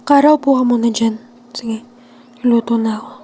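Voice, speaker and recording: An excitable young woman vlogger narrates her horror game role-play, swinging from quiet asides to sudden yelps. Her voice is high, and faint noise sits behind it. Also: a little fast.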